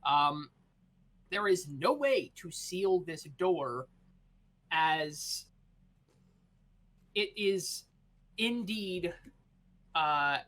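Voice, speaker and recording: A game master narrating a tabletop role-playing game in a relaxed, rambling way, with frequent fillers. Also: medium pitch.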